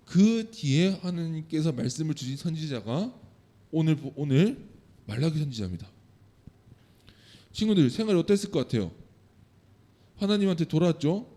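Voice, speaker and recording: A man's voice: on the high side, mellow. A man giving a sermon to children, asking them questions and answering them himself. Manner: acts out quoted lines of God and the people. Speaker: children's pastor.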